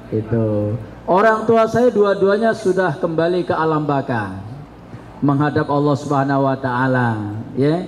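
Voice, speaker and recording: A man in his fifties, an Islamic studies lecturer from South Sumatra, talking to students in a slow, chatty, joking way. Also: a little high, expressive. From South Sumatra, Indonesia. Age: 50s. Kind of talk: classroom talk to students. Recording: reverberant hall with faint background noise.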